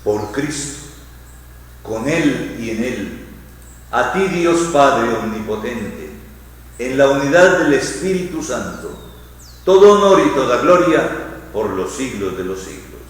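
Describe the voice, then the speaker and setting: A man, a bishop reciting the Eucharistic prayer in a measured, phrase-by-phrase liturgical delivery. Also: mid-range voice, sing-song. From Colombia. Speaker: bishop celebrating Mass. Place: large church. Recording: echoey church with long reverb.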